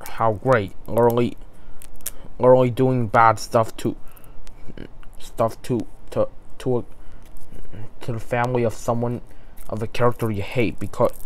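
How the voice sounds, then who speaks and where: A man narrating a creepypasta in a halting, stumbling way, often restarting his sentences. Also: mid-range voice, fairly even intonation.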